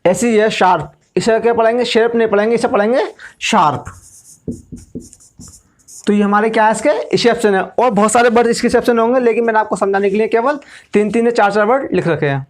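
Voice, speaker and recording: A man's voice: sits high, fast talker. A male English teacher, giving a classroom lesson and explaining step by step, asking questions and then answering them himself.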